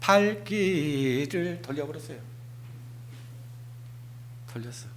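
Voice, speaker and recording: A pastor preaching an emphatic Sunday sermon, firing rhetorical questions at the congregation. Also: male voice, fairly high pitch, expressive, slow, a bit bright, a little hiss or hum.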